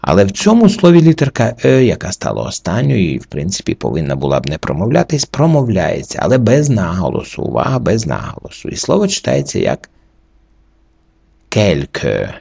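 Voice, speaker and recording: A man's voice: lowish voice, wildly swooping pitch, gravelly, mellow, slightly rough, no room sound. Guy teaching a lesson, goes step by step thru each letter, dry close sound, swoops up and down a lot. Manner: methodical, slowly walks through each letter rule. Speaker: French teacher. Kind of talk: recorded reading lesson.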